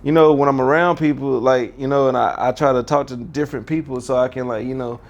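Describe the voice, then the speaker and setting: A man's voice: medium pitch, steady tone, fast talker, creaky, lo-fi sound. A young man hosting a podcast in casual chat, slurring his words and using slang and profanity. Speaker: podcast host.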